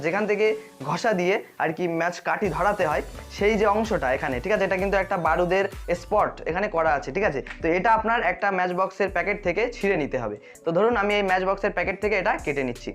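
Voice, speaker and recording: A magician host explains a tutorial straight to viewers, often checking that they are following. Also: mid-range voice.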